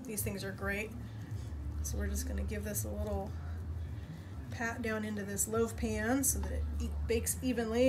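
A woman's voice: mid-range voice, noisy background. A woman giving a casual cooking demonstration in a kitchen, explaining each step in a chatty, upbeat way. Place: home kitchen.

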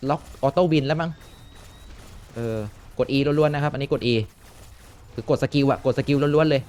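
A young man giving casual gameplay commentary, excitable and swearing often, with frequent exclamations. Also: fairly high pitch, moderate pace. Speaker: gaming YouTuber.

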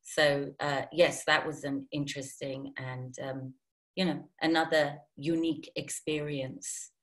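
A woman's voice: low-pitched, little pitch movement, unhurried. A woman who grew up in Iran, a guest talking casually and animatedly with many restarts. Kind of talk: casual interview talk.

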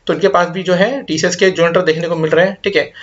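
Reading out viewer comments at high speed in a casual update video, a young man who gives career guidance on YouTube switches fast between Hindi and English. His slightly higher-than-usual voice keeps fairly even intonation, and he reassures his audience, checking in with them and repeating "ठीक है". The audio is a bit dull and lo-fi.

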